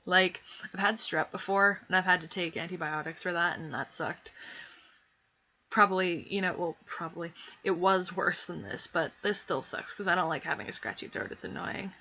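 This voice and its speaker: A woman's voice: lowish voice, moderate pace, bright, forceful tone. A young woman live streaming from home, chatting casually in a rambling, giggly way, her throat scratchy from a cold. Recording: dull lo-fi stream audio.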